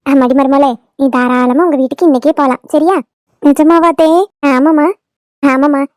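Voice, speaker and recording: A woman's voice: high-pitched, fairly even intonation, normal speed, darkish tone, no room sound, studio quality, lightly acted. A woman voicing a fussy, talkative middle-aged mother-in-law in a cartoon, with a coaxing, boastful manner. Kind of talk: cartoon voice acting.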